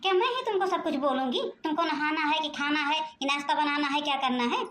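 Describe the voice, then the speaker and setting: Cartoon mother-in-law, sarcastic and scolding, Awadhi accent, very high voice, put on by a woman, roomy home mic. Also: quick pace, a bit bright, a little hiss or hum. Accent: Awadhi-region Hindi. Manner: nagging, exasperated, sarcastic. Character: scolding strict middle-aged mother-in-law. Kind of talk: home-made cartoon voice acting.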